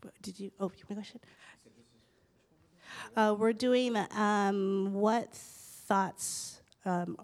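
A woman's voice: mid-range voice, steady tone, slow, darkish tone. A woman facilitating a casual group sharing session, prompting people in an encouraging, upbeat way.

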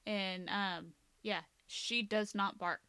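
A woman's voice: medium pitch, steady tone, slow pace, sharp tone, smooth, no room sound. A woman co-hosting a podcast in casual chat, talking loosely, laughing often and filling her speech with "like". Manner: chatty, laughs often, says "like" a lot. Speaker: podcast co-host.

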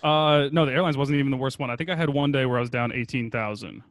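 A man's voice: mid-range voice, steady tone, fast, no echo. A man who is a former producer and now a day trader, chatting casually and rambling as a podcast guest, swearing freely.

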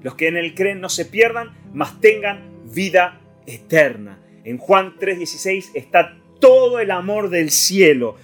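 A man with a Rioplatense Spanish accent preaching an Easter sermon, swinging from loud declarations to hushed lines. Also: high voice, animated, unhurried, hardly any pauses. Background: soft guitar music.

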